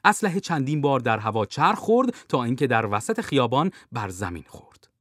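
A man narrating a thriller audiobook in a lively, expressive way. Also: mid-range voice, no echo, clean studio sound.

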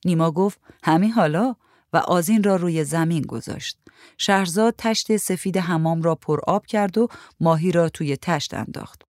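A woman narrating a short story in a measured, even reading. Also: sits low, no echo, studio quality.

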